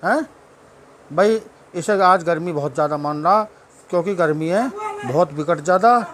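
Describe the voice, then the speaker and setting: A man's voice: on the high side, fairly quick, fairly bright tone. A man chatting casually at home, narrating his pet dog's antics and talking fondly to the dog.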